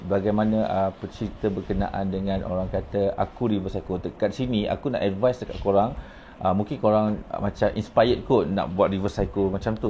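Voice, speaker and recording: A man's voice: fairly low pitch, mellow, dull audio, slight background noise. A man, a rehab counselor telling stories about his clients in a casual, rambling way, dropping in English words. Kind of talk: casual storytelling vlog.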